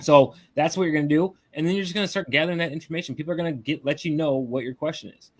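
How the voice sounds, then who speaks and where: A man's voice: a little high, racing. A man teaching online marketing on a live video call in a casual way, often ending his points with a questioning tag. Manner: casual, tags lines with "right?".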